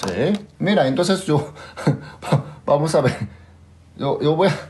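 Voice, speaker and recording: A man's voice: a little high, animated, slow, a little mellow, slight background noise. A man with a Korean accent teaching a language class, who patiently repeats examples and keeps asking his students if they understood. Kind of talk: live class explanation.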